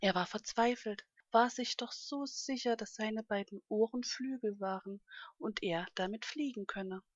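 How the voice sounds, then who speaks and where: Female children's-story narrator, calm and expressive; dry, dull audio. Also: a little high, unhurried, dry recording.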